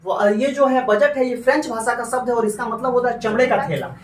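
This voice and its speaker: A man's voice: extremely high pitch, a little fast, a loud crowd. A male teacher giving a classroom lecture, repeating his questions and having students chant back the answers. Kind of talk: classroom lecture with call-and-response quizzing. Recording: roomy classroom recorded from far off. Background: students' voices.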